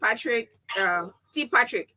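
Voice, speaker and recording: High-voiced Liberian woman hosting phone-ins. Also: lively intonation, measured pace, pushed and bright. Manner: hesitant, repetitive, informal. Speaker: radio talk show host juggling a three-way phone call. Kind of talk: casual live phone-in chat.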